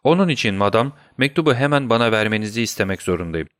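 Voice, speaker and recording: A brilliant, commanding detective with a firm, resonant delivery, as a male reader puts him on. The voice sits a touch higher than his narration and sounds close and dry. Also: animated, quick pace, a bit bright, dry recording. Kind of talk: audiobook character reading.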